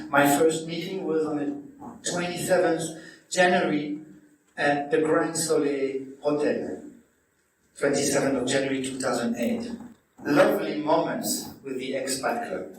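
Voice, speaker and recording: A man from Belgium with a French accent, a nutrition coach giving a friendly, halting talk to a club audience. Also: on the high side, a little hiss or hum. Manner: friendly, hesitant, with many fillers. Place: hotel function room. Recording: echoey room, distant mic.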